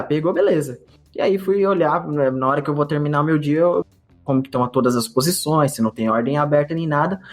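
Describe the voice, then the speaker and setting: A Brazilian man co-hosting a podcast, telling a story in casual chat and acting out his own past thoughts. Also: a little high. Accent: Brazilian Portuguese. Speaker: podcast co-host.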